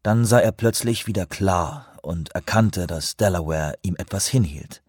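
A man reading a novel aloud in a steady, measured narration. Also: low-pitched, slightly rough, no room sound, clean studio sound. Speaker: audiobook narrator.

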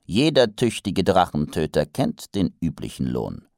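A man voicing a serious, dutiful male secretary who answers gravely and respectfully. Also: sits low, huge pitch swings, unhurried, darkish tone, no room sound, studio quality, exaggerated voice. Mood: deadpan.

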